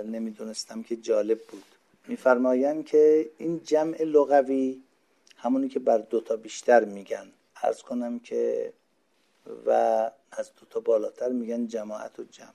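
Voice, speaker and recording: Gravelly-voiced man teaching a religious lesson. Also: medium pitch, warm tone. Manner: explanatory, asks questions and answers them himself. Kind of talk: religious lecture explaining Arabic words.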